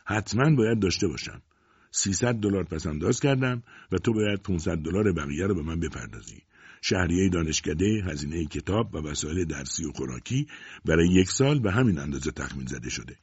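An earnest young son, as a male reader puts him on, insistently pleading his case in an audiobook. The voice is husky and animated, rising with emphasis. A dry, slightly muffled recording. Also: sits low, no room sound, full character voice. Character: young man pleading with his father for tuition money.

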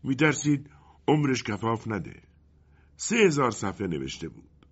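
A man voicing a sly, menacing male wind spirit in a storybook reading, with a husky voice and an insinuating delivery. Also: medium pitch, sing-song. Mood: musing. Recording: dull lo-fi recording.

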